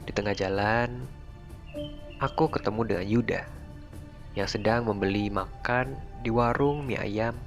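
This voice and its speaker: A man with a fairly low voice tells a first-person horror story in a relaxed, conversational manner. Faint music runs quietly under his narration. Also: a little slow, pauses often. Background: faint background music.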